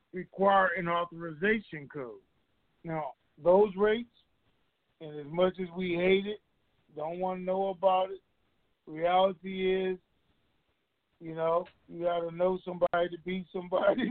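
A man talks in a casual, rambling way over a conference phone line. His voice sits high and comes through thin and tinny. The sound is dry, with no room around it. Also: no room sound. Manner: rambling and offhand. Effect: heard over a conference phone line. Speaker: regular guest on a call-in show. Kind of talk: casual phone call talk.

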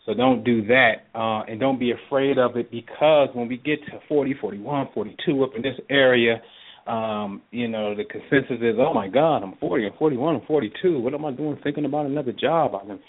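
A man's voice: mid-range voice, brisk, husky. Man reading astrology over a phone line. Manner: encouraging, folksy, uses y'all. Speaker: astrology and tarot reader, co-host. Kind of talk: call-in reading, casual advice.

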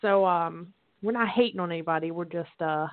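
A woman's voice: lowish voice, brisk, no room sound. Giggly woman on a dry phone line. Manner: giggly, chatty. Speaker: podcast host. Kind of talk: casual chat.

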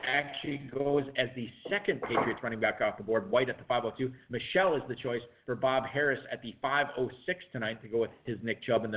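A man co-hosting a fantasy football show, recapping draft picks in a brisk, matter-of-fact way with dry ribbing of his partner. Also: mid-range voice, slight background noise. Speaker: podcast co-host. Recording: muffled phone-like line.

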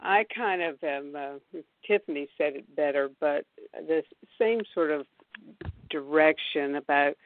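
A woman's voice: deep voice, unhurried. Rambling woman calling into a radio show. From American South. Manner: rambling, earnest, frequent restarts. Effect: caller heard over a phone line. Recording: tinny phone line, dry.

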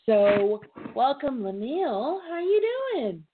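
A woman's voice: on the high side, big pitch swings, takes it slowly. A woman hosting a call-in talk show in a chatty, playful, informal way. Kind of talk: casual chat. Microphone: phone line. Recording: tinny phone line with noise.

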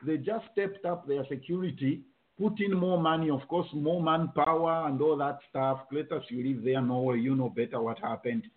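A man's voice: a little high, fairly even intonation, moderate pace. A man from Zambia hosting a panel discussion, thinking aloud and restarting his sentences often. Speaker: host. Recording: narrow phone-like line.

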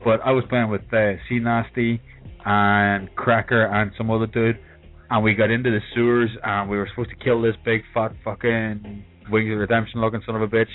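A man's voice: on the low side, level tone, a little fast. A man with an Irish accent chatting casually and swearing freely as a podcast co-host about games. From England. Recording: tinny phone-like voice call, music behind.

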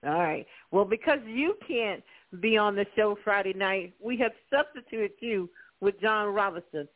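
A man's voice: high-pitched, animated, moderate pace, phone-quality sound. A man hosting a casual sports talk radio show, chatty and bantering as guests are brought in.

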